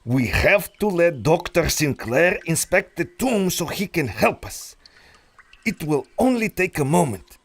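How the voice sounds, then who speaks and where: A man's voice: fairly high pitch, very animated, vocal fry, slightly rough, exaggerated voice. A man playing Doctor Victor Raznovich, silky villain. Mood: condescending. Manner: silky, menacing, drawn-out delivery. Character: scheming foreign male villain doctor, smooth and manipulative. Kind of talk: old-time radio drama acting.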